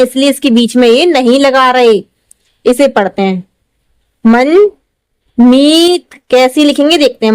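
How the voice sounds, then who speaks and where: Slow, high-voiced woman teaching. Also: clean tone, no room sound. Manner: patient, explanatory, repeats and stretches syllables. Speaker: English teacher. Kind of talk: slow step-by-step spelling lesson.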